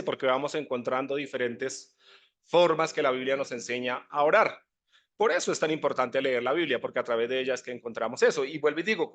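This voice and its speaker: A man's voice: medium pitch, a bit bright. A man giving a conversational Bible teaching, often checking in with listeners. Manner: conversational, often asks "¿cierto?". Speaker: preacher.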